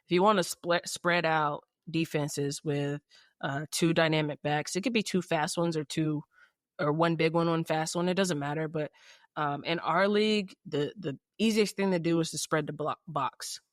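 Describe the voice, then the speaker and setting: A woman's voice: low-pitched, fairly even intonation, moderate pace, no echo, clean studio sound. Rambling woman podcast host. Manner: rambling, many restarts and "you know what I'm saying". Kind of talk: casual interview chat.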